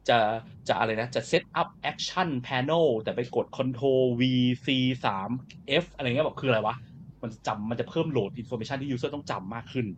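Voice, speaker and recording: A man's voice: medium pitch, a little slow, slight background noise. Chatty man hosting a casual panel. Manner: relaxed, chatty, many fillers. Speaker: podcast host.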